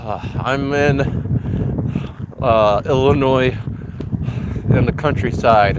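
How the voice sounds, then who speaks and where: An American man giving a casual, off-the-cuff film review outdoors, halting often as he searches for words. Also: mid-range voice. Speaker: vlogger reviewing films. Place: outdoors in the cold countryside. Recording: windy outdoor microphone, loud wind noise. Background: strong wind.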